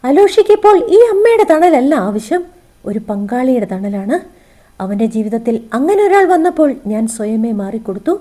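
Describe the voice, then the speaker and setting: A lonely, resigned middle-aged mother speaks softly in a storybook reading, as a woman narrator takes her part. The voice sits high but stays mellow and warm, full of quiet sorrow. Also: very animated, moderate pace. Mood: sad, resigned.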